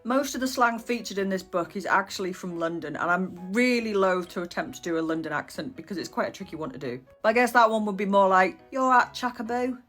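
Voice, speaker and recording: A woman's voice: mid-range voice, lively intonation, fast talker, hardly any pauses, a bit bright, faint music behind. A woman casually explaining old slang to camera, with dry, sarcastic asides and the odd swear word. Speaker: history content creator. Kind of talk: casual educational talk to camera.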